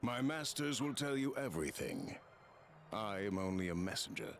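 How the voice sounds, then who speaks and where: An actor playing a cagey messenger for sinister masters in a video game, with stilted, wooden, unconvincing bad acting. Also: male voice, on the low side, animated, moderate pace. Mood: guarded, insistent. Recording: game audio with noisy outdoor ambience.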